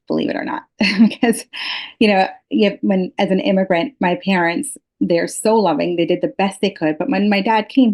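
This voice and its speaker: A woman's voice: medium pitch, darkish tone. A woman from Pakistan talks as a podcast guest, explaining her personal views and experience in an earnest, reflective way. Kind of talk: reflective personal interview talk.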